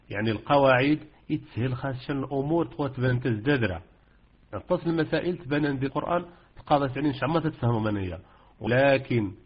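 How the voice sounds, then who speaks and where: A man with a Moroccan Arabic accent gives students an informal lesson on Quran recitation rules, hesitating with many fillers and repetitions. His mid-range voice is slightly rough, and the audio sounds dull.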